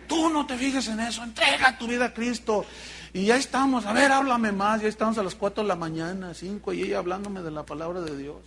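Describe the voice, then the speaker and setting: A Mexican pastor preaching with a high, bright voice. He tells Bible stories in an animated way and breaks into joking asides to his congregation. The tone stays bright and forceful throughout. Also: fairly quick, gravelly, a little hiss or hum. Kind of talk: sermon.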